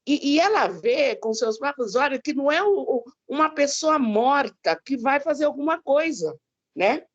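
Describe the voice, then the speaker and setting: A woman's voice: sits high, animated, moderate pace, dull audio. A woman from Brazil sharing a personal testimony in a Bible class, talking conversationally and often ending with tag questions. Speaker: class participant.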